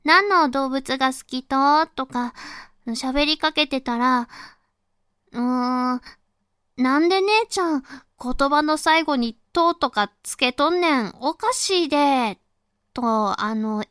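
A woman from Fukuoka with a Hakata accent, a voice performer chatting casually to her listeners in a soft, unhurried way full of small fillers. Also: high voice, dry recording, clean studio sound. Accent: Hakata dialect. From Fukuoka, Japan. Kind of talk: casual afterword talk to listeners.

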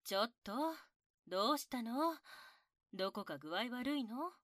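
A woman voicing a stern adult female teacher who scolds a student, slow and heard from further off. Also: a little high, big pitch swings, fairly bright tone.

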